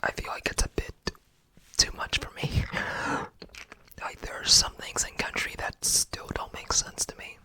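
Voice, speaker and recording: An ASMR creator from the United States rambling casually in a breathy whisper, hesitant, self-effacing and often searching for words. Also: moderate pace, bright, forceful tone, low-quality recording.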